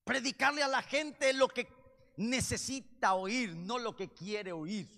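A man preaching a sermon with passion, swinging between loud cries and low, intense passages. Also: slow pace, gravelly. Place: church. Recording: long reverb of a church hall.

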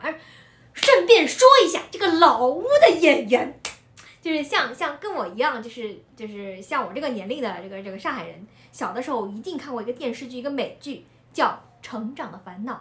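Woman, animated storyteller, bright sharp tone. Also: on the high side, echoey room. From Shanghai. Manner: animated storytelling, laughs often. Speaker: video creator discussing a film. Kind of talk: casual chat.

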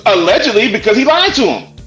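A man with a high voice argues emphatically in a sports panel debate. He presses his point again and again, with faint music playing behind him. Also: sing-song, fast, sharp tone, rough recording. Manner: emphatic, hammers the same point. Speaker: sports talk co-host.

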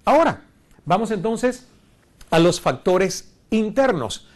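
With a high-pitched voice and big swings in pitch, this man from Cuba in his forties speaks slowly as he teaches a recorded online course. He stands before a studio screen wearing a lapel mic, earnest in tone and fond of rhetorical questions.

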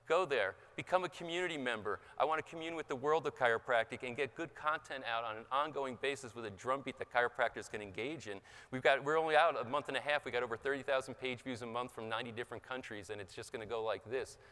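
Bright, impassioned man on a stage. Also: fast, hardly any pauses, clean tone. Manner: impassioned, rises in pitch for emphasis. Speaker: seminar speaker. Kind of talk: motivational seminar talk. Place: conference hall stage. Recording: large hall with long reverb.

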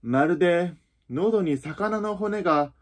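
A man voicing a brusque, impatient male Gryphon in a storybook reading, talking quickly and gruffly. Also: high voice.

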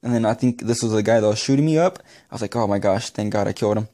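Excitable young man with a mellow voice. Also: lowish voice, racing. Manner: excitable, rambling, repeats himself. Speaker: gaming YouTuber. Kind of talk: gameplay commentary voice-over.

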